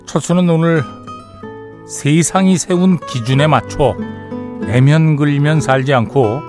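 A man hosting a radio show in a studio, reading a short story and then listener messages, with relaxed banter. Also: on the high side, measured pace, music in the background. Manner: relaxed banter, reads messages aloud and comments.

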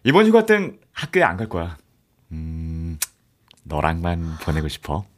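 An actor playing an affectionate young student on army leave in a radio drama, talking in a casual, tender way. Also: male voice, fairly low pitch, sing-song, normal speed, husky.

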